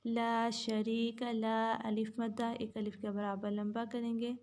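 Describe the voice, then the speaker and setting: A woman teaching tajweed, reciting each phrase slowly and repeating it, then explaining the rules more quickly and quietly. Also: a little high, little pitch movement.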